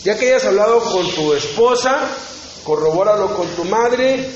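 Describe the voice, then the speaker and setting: A man's voice: high-pitched, animated, measured pace, a little hiss or hum. A man preaching a sermon, earnest and personal, acting out short dialogues as he tells his story. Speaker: preacher at a prison ministry congress. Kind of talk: sermon teaching. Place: conference hall. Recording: echoey hall, dull sound.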